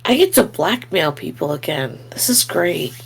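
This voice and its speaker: A woman's voice: on the low side, big pitch swings, moderate pace, gravelly, slight background noise. A woman playing a tabletop game, bantering casually in a wry, teasing way. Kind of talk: casual role-play banter.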